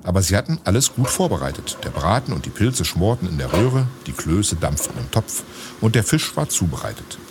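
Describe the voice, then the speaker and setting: A man reading a storybook aloud in an expressive way. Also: sits low, brisk, background noise. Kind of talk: storybook narration.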